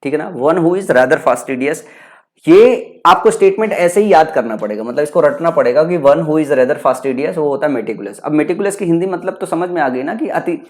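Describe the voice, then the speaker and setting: With lively intonation and hardly any pauses, a young man speaks fairly quickly in a slightly high voice and a Bihari Hindi accent; he is from Bihar, India. In an exam prep lecture he explains and repeats English vocabulary, often asking and then answering his own questions.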